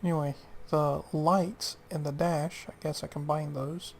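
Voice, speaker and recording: A man hosts his own gaming channel, narrating a farming game in an unhurried, low-key way. His voice has a gravelly edge, and he often trails off into a near whisper. A faint hum of noise sits under the recording. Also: steady tone. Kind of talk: casual gameplay commentary.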